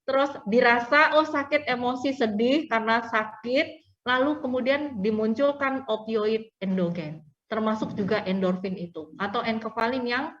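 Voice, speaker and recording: A woman's voice: fairly high pitch, moderate pace, fairly bright tone. A middle-aged woman teaching a biology class in a chatty, playful way, quizzing her students and laughing often. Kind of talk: classroom lecture. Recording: distant, dull lo-fi classroom recording.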